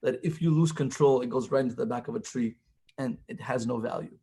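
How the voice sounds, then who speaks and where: A man with a husky, middle-pitched voice leads a college Islamic study circle. He retells old stories with quoted speech, slips Arabic phrases and verses into his English, and builds to emphatic passages. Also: a little fast, dark tone. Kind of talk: storytelling religious talk.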